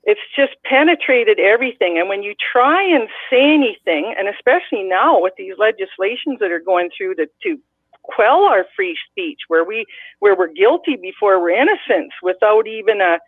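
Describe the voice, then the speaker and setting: Over a dry, tinny phone line, a caller from Canada, a middle-aged woman, spins a long, rambling, blunt tale in casual fashion, frequently starting over. She speaks at normal speed with a medium pitch and lively intonation.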